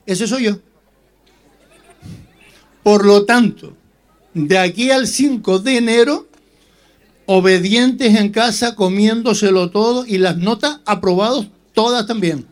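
A man's voice: high voice, unhurried. A man speaking as mayor, giving a ceremonial speech at a public festive event.

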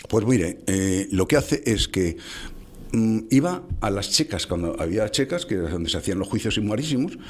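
A man, telling local history anecdotes in conversation, halting with many restarts. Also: fairly low pitch, lively intonation, a little mellow, breathy edge. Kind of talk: conversational storytelling.

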